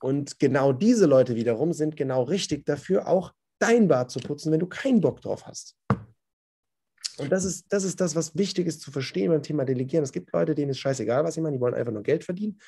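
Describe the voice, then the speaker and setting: A man's voice: on the high side, lively intonation, quick pace, warm tone, slightly rough. A man who works as a business coach, talking casually in a podcast chat in a blunt, emphatic and colloquial way.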